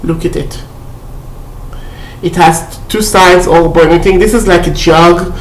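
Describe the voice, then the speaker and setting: A woman with fairly low pitch and fairly even intonation talks unhurriedly through a haul video, with slight noise in the background. Chatty and full of fillers, she keeps asking "okay?" while the indoor space at home lends a roomy echo.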